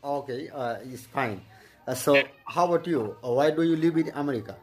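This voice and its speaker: A man, practicing English in a halting, flattering way on a video call. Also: medium pitch. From Bangladesh. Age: 20s. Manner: halting, repeats okay, flattering. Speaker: channel host practicing English. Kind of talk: casual chat.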